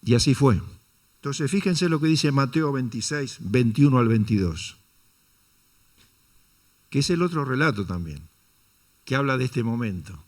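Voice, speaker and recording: A man's voice: mid-range voice, animated, measured pace, long pauses. Man preaching a sermon. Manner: rhetorical questions, addresses the congregation as brother; dramatizes quotes with shifting intonation. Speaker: pastor.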